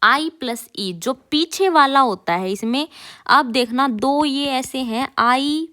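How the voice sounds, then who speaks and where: A woman, teaching a casual lesson and repeating each sound slowly and clearly for learners. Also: sits high, pushed and bright. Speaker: German teacher.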